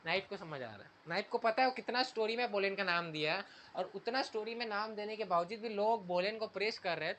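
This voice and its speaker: A male teacher reading an English story slowly and explaining it casually in Hindi, with lots of repetition. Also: high-pitched, sharp tone, a little hiss or hum.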